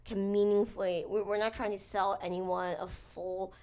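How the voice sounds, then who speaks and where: A young woman co-hosting a podcast, talking casually with a hoarse voice and laughing often. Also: medium pitch, level tone, moderate pace, dark tone. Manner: laughs often, chatty and upbeat. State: hoarse, voice mostly gone. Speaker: podcast co-host. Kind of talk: casual chat.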